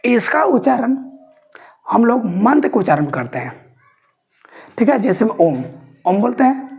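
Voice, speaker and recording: A woman teaching grammar, dictating notes slowly and repeating each phrase for students to write down. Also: fairly high pitch, big pitch swings, creaky, a little mellow. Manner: slow, repeats phrases word by word for note-taking. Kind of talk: dictation-style classroom lesson.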